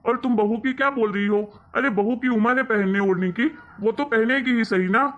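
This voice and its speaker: A grown son in a cartoon story, scolding and mocking his mother over money, as a man acts him out. His voice is high and bright with a tense edge, and the audio is dull and lo-fi. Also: fairly quick. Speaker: cartoon character. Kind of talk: Hindi cartoon story voice acting.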